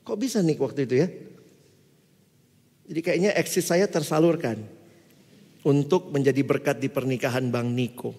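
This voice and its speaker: A middle-aged man preaching a sermon, telling stories with lively acted-out quotes. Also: mid-range voice, moderate pace, pauses often. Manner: storytelling, acts out quoted voices. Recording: long hall reverb.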